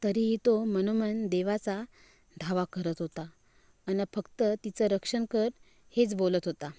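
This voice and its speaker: Woman reading a dramatic story, slow, warm dark tone, dry close sound. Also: mid-range voice, steady tone, no echo. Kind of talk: scripted audio story narration.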